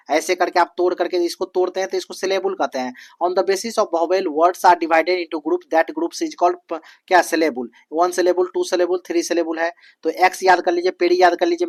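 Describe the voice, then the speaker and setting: A coaching teacher with a mid-range voice lectures on spelling in a recording with no echo. In a repetitive, drilling tone, they spell words out letter by letter, repeat them, and ask rhetorical questions.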